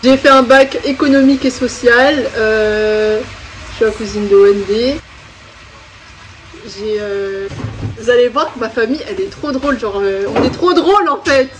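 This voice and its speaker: A French woman in her twenties, appearing as a guest cook, chats casually in her home kitchen for a cooking vlog, rambling with lots of fillers. Her voice is a little high at normal speed, and the low-quality recording has a little hiss or hum.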